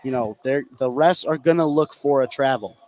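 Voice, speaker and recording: A man with a medium-pitched, somewhat dark voice provides conversational color commentary and analysis at normal speed. He is covering a live broadcast of an indoor high school basketball game.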